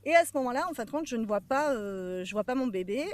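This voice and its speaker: On a podcast, a woman shares a personal testimony with earnest, emotional intensity, often pausing while searching for words. Her voice sits on the high side and is expressive.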